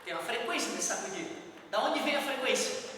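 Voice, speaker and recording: A man's voice: very high-pitched, expressive, brisk. A man teaching a physics lesson, explaining each step patiently and tossing casual asides to his students. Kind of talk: classroom lecture. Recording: very echoey, distant, faint background noise.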